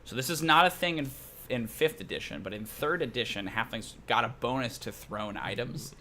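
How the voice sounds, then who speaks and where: A man narrates a tabletop game, his voice bright and tense, leaping around in pitch as he laughs through the action. He talks loosely, full of "like" and "uh", with a faint hiss behind him. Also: normal speed. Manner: animated, laughs often, loose filler-heavy narration. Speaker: game master. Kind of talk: running a tabletop game, casual.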